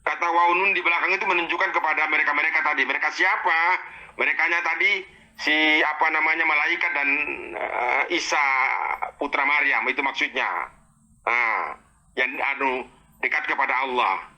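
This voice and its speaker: Bright-voiced man debating scripture. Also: on the high side, fairly even intonation, moderate pace, pauses often, poor audio. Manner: explains verse by verse, challenging, exasperated. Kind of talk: heated religious debate.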